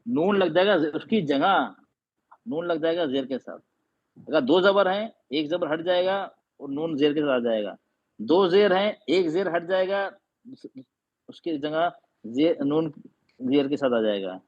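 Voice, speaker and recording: A man's voice: on the high side, lively intonation, unhurried. A male Quran teacher explaining reading rules in an online class, patiently quizzing his students again and again. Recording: dull lo-fi audio.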